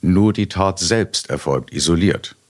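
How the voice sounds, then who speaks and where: A man's voice: sits low, a little slow. A man co-hosting a news podcast, reading scripted commentary in a pointed, sardonic way. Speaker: podcast co-host.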